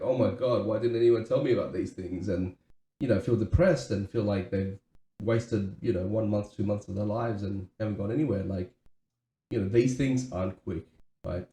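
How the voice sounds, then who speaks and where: Low dark-voiced man, echoey room. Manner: earnest, many restarts and "right?" tags. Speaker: podcast co-host. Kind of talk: casual chat.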